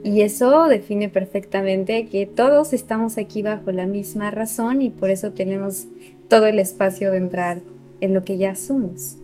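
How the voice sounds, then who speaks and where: A woman hosting a spirituality radio program, speaking calmly and thoughtfully in full, articulate sentences. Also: mid-range voice, moderate pace, faint music behind. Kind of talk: calm spiritual reflection on radio. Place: community radio studio.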